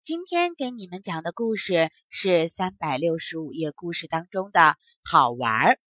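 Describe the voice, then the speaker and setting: A woman reading a children's story aloud in a sweet, expressive, coaxing manner. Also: on the low side, moderate pace, dry recording, studio quality.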